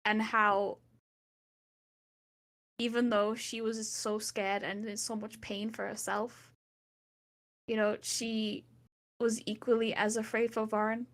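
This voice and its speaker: A woman's voice: a little high, little pitch movement, slow, long pauses, fairly bright tone. A woman talking casually as a player in a tabletop game, telling what her character thinks and does. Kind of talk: casual chat and in-game storytelling.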